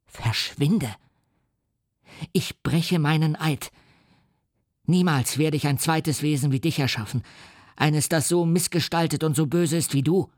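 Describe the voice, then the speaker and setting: A man's voice: on the high side, a little slow, long pauses, dry recording, clean studio sound, voice pushed up. A man playing a proud young male scientist who answers with vehement, indignant defiance. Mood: furious.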